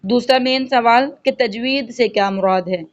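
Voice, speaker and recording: A woman's voice: a little high, a little hiss or hum. Patient female recitation teacher, lo-fi. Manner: patient, explains step by step, slowly draws out recited words. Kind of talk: spoken lesson with recited examples.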